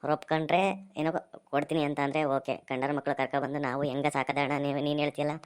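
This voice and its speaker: A woman voicing a grumbling, broke village man in a cartoon, talking rapidly and exasperatedly in rustic dialect. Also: deep voice, level tone, smooth, lightly acted.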